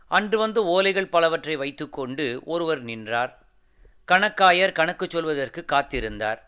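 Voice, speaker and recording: A male narrator reading a historical novel aloud, measured and formal. His voice is bright and crisp, and a little higher than most men's.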